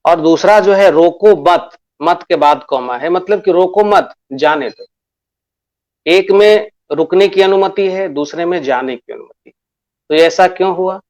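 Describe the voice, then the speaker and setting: A man from Bihar teaching a class lesson, slow and deliberate, repeating key phrases and calling his pupils children. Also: high voice, a little mellow. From Bihar, India. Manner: repeats key phrases and asks questions to himself.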